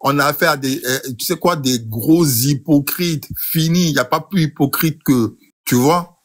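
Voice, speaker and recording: A man's voice: on the high side, normal speed. A man in a live debate who talks emphatically and hammers his points by repeating words. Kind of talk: casual debate.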